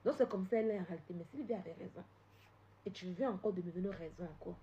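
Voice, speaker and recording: A woman on a live stream, confrontational and repetitive, swinging from loud outbursts to low scolding. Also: quick pace, lo-fi sound, slight background noise. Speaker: social media live streamer. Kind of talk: heated live-stream rant.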